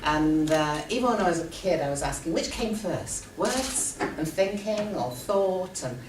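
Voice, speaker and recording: Older woman, low and lively, echoey hall. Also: measured pace. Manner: articulate, wry. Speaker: panelist, former headmistress. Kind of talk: panel talk. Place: conference hall. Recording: echoey hall, distant mic, background noise.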